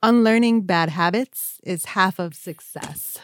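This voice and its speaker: Woman, podcast co-host, lowish voice, playful, laughs easily, dry studio sound. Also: a little slow, no room sound. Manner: playful, laughs easily, reads short quotes. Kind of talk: casual podcast chat.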